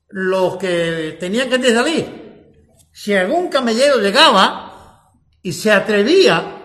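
A man preaching a sermon, asking rhetorical questions and swinging between loud and soft. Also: sits high, echoey room.

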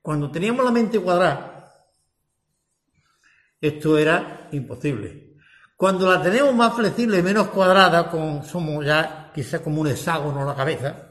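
A man preaching a sermon, asking rhetorical questions and swinging between loud and soft. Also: high-pitched, reverberant.

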